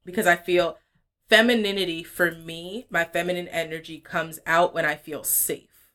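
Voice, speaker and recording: A woman co-hosting a podcast, thinking aloud in a relaxed, reflective chat. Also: on the low side, moderate pace. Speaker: podcast co-host. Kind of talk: casual chat.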